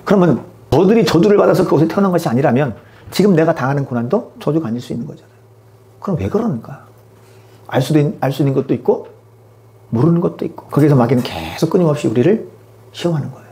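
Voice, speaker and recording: A man preaches to his congregation at a fast clip. His voice sits a little high, and he presses points home with pointed rhetorical questions. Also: lively intonation, dark tone. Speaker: pastor. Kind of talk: sermon.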